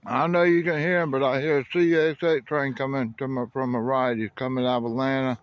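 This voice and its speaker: A man's voice: medium pitch, flat delivery, fairly quick, no room sound, lo-fi sound. A middle-aged man from South Carolina, rambling casually as he films by a rural road and railroad, often correcting himself. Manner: folksy, rambling, self-correcting. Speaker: railfan vlogger. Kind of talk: casual outdoor narration. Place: outdoors by a rural highway and railroad.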